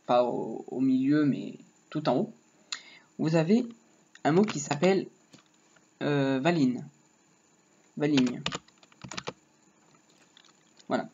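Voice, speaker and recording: Man, unhurried coding tutorial, slightly high voice, dull lo-fi mic, faint hiss, keyboard clicks. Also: darkish tone. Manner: rambling, joking asides, talks while typing. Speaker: HTML tutorial teacher. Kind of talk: casual screen-recorded coding lesson. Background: keyboard typing.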